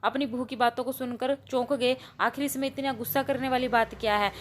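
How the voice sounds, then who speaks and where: A woman storyteller reads an emotional story aloud. Her narration is plain and steady, in a fairly high voice. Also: brisk.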